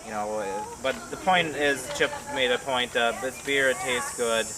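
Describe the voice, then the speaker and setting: Speaking at a normal speed in a mid-range voice, a homebrewer hosts a casual vlog from a porch. He rambles and thinks aloud, using plenty of fillers.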